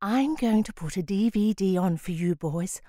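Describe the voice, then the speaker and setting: A woman voicing a patient mother who speaks calmly and evenly. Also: medium pitch, no room sound, studio quality, pitched above the performer's own voice, natural voice. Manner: patient, measured. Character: patient, calm mother of two boys.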